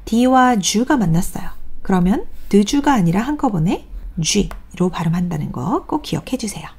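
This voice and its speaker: A woman's voice: medium pitch, vocal fry, mellow, husky. A woman teaching English pronunciation in a recorded online lecture, patiently reading examples aloud for the class to follow.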